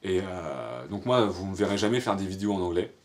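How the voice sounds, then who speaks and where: A man's voice: deep voice, expressive, fairly quick. A young man from France answering viewer questions in a casual, rambling way, full of fillers and slang. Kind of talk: casual FAQ monologue.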